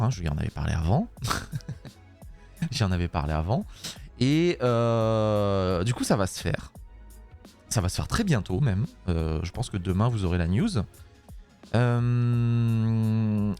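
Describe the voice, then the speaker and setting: Hoarse French streamer man chatting. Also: medium pitch. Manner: rambling, swears at his software, frequent fillers and laughs. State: hoarse, voice worn out. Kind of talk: casual live-stream chat.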